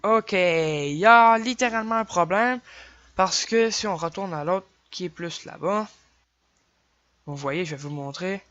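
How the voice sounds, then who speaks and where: A young man from Quebec makes game tutorials, speaking in a high, slightly bright voice at a measured pace with a Québécois French accent. He's casual and chatty and counts clicks out loud. The recording is dry and dull, from a lo-fi home mic with no echo.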